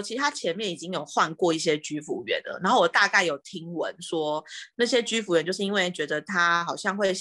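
A woman with a Taiwanese Mandarin accent, a home care worker, telling stories on a podcast in a lively way, acting out the dialogue. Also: on the low side. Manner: lively, animated retelling with quoted dialogue. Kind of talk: casual podcast storytelling.

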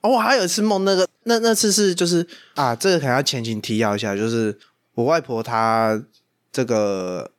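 A young man with a Taiwanese Mandarin accent, telling dream stories in a casual podcast chat, animated and often laughing. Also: medium pitch, fairly quick. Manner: animated storyteller, laughs a lot. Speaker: podcast host.

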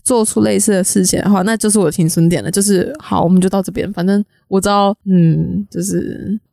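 A woman's voice: medium pitch, steady tone, a little fast, vocal fry, warm tone, no room sound. Podcast guest: young woman, rambling and hesitant, dry close sound. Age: young adult. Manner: rambling, hesitant, many restarts. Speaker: guest graphic artist. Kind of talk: casual podcast chat.

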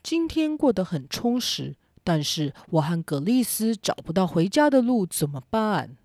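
A woman's voice: mid-range voice, sing-song, a little slow, darkish tone, no echo, clean studio sound. A woman voicing the young boy Hansel in a children's audio drama, speaking plainly and earnestly.

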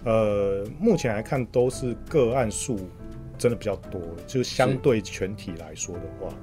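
A man's voice: fairly low pitch, animated, dark tone. Taiwanese-accented man chatting over guitar music. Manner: halting, repeats short agreement words rapidly. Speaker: guest market commentator. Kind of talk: casual podcast chat. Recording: music playing under the talk.

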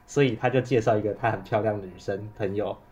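A man's voice: fairly low pitch, fairly even intonation, quick pace, mellow. A man with a Taiwanese Mandarin accent co-hosts a casual podcast chat, muffled by a face mask and stuffed up with a cold and cough. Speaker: podcast co-host.

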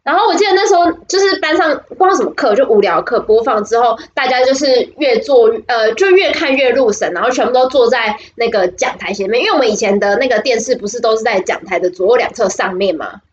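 Young taiwanese girl rambling thru stories, giggly, super lively up and down, kinda muffled lo-fi sound. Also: a little high, fast, few pauses. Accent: Taiwanese Mandarin. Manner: giggly, rambling, full of restarts. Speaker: podcast co-host. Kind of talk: casual storytelling chat.

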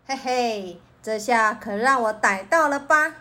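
A woman's voice: fairly high pitch, expressive, measured pace, pushed and bright. A woman playing a grumpy, hot-tempered poor young man in a children's story, speaking angrily. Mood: angry. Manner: angry, scolding.

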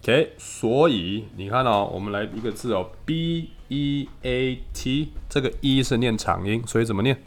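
A man teaching English vowel sounds in a relaxed lesson, patiently drilling his student with quick "good" and "OK" cues. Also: mid-range voice. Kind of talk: casual phonics lesson.

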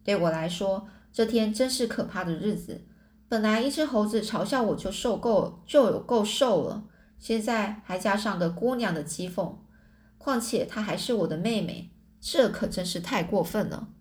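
Woman reading a novel aloud, mid pitch. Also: normal speed, a little mellow. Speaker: storybook reader.

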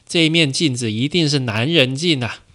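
A man voicing a gentle young woman who is secretly a ladybug spirit, in a storytelling podcast. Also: mid-range voice, normal speed, lightly acted. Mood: teasing.

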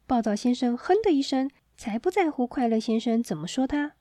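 A woman storyteller reading a children's story aloud in a gentle, expressive way, on a close mic. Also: fairly high pitch, brisk, dry recording.

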